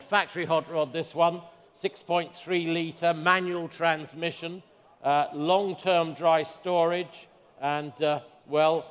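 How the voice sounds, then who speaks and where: A man's voice: a little high, clear, resonant tone. A man working as a fine art auctioneer, calling bids to a saleroom and repeating figures in clipped phrases. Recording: reverberant large hall.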